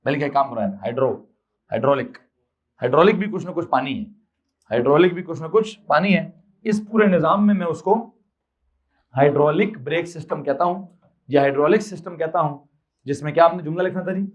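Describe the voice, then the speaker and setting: A man from Pakistan teaching a physics class, mixing Urdu with English terms and slowly dictating notes, repeating phrases and quizzing his students. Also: on the high side, muffled recording. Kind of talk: classroom lecture.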